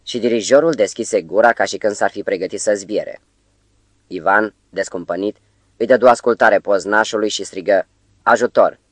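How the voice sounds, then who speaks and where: A man narrating an audiobook in a measured, even storytelling manner, close to the mic. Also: lowish voice, no room sound. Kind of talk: scripted narration.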